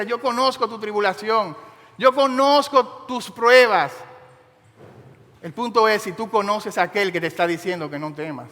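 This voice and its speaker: A man preaching a sermon, telling a story with dramatic, emphatic pauses. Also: sits high, pushed and bright, big-room sound. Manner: impassioned, dramatic storytelling with slow emphatic phrases.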